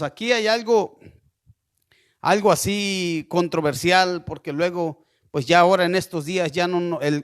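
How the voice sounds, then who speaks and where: Preacher guy, talks real slow, high-ish voice, keeps asking "¿sí?". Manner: slow, deliberate preaching with frequent rhetorical "¿sí?"; asks listeners to send messages. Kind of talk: sermon.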